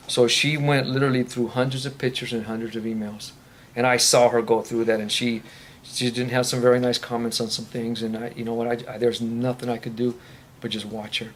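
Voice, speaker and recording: Earnest guy answering questions at a church meeting, mid-pitched, bit of background hiss. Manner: earnest, faith-filled, rambling with restarts. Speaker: recovery ministry speaker. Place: meeting room.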